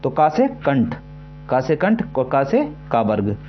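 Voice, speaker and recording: A man teaching an exam-prep lesson, repeating himself often and slowly sounding out syllables to demonstrate them. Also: mid-range voice, huge pitch swings, lo-fi sound, soft background music. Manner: repetitive, keeps asking "है ना" and "ठीक है".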